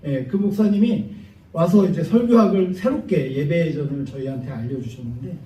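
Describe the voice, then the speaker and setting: Male pastor, animated storytelling sermon; high, mellow voice, recorded from a distance in a roomy church. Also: moderate pace. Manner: animated storyteller, acts out voices, jokes with the congregation. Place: church sanctuary. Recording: echoey church hall from far off, dull.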